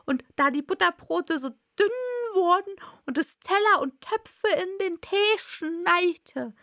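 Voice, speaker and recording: A terrified hatter stammers and trembles through his pleas, voiced by a woman reading a storybook aloud. His voice sits high and loud, with a shaky, tearful edge. The sound is dry and close. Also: expressive, takes it slowly, no echo, heavily acted. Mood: pleading. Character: frightened trembling male hatter.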